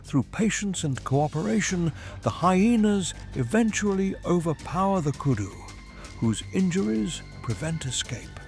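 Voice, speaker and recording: A man reads scripted nature documentary narration in a measured, formal storytelling manner. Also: sits high, animated, a little mellow. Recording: music behind the voice. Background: background music.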